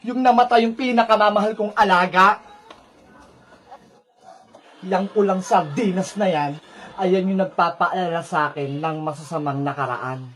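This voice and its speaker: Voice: mid-range voice, slight background noise, pitched below the performer's own voice, lightly acted. Performer doing a sulky customer, dramatic and grumbly, comedy skit. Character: gloomy grudge-holding customer, dramatic.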